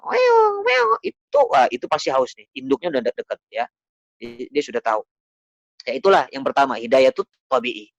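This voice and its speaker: A man's voice: medium pitch, no room sound. A man giving an Islamic study lecture in a conversational way, often asking the audience questions and acting out little voices. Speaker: Islamic preacher.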